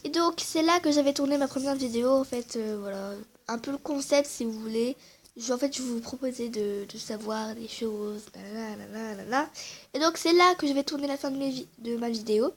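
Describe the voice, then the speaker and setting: A woman's voice: on the high side, fairly quick. A woman casually walking viewers through her game character, chatty and hesitant, muttering asides under her breath. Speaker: game vlogger. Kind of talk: casual game walkthrough chat.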